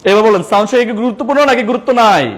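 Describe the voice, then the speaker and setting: In a training classroom, a sweating teacher trainer with a Bangladeshi Bengali accent races through his teaching in a very high voice. He fires call-and-response questions at the room of teachers and jokes around with them.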